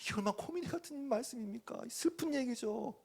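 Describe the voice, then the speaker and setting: A man preaching a sermon as pastor, dramatic, acting out voices and swinging from loud bursts to near whispers. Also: very high voice, lively intonation, fairly quick, vocal fry, slightly rough.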